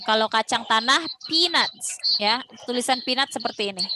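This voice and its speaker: High-voiced woman teaching English on a call. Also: animated. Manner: patient, explains slowly and repeats words for drilling. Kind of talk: bilingual online English lesson. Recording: noisy online call audio.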